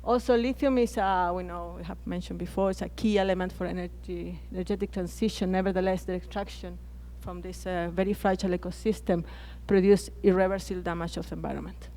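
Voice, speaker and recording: A woman from Chile with a Chilean Spanish accent, speaking English as a second language on a conference panel, pausing often and restarting her phrases. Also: lowish voice, steady tone, dark tone. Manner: hesitant, frequent restarts and fillers.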